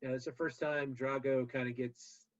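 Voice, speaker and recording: A man's voice: medium pitch, little pitch movement, moderate pace, muffled recording. A man hosting a casual movie rewatch podcast, rambling with many fillers and restarts. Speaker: podcast host.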